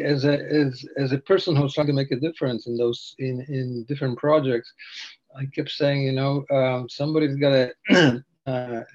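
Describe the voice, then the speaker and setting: A man's voice: medium pitch, dull audio. An older man from Slovakia, a podcast guest telling his story in a meandering, hesitant way. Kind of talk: casual interview.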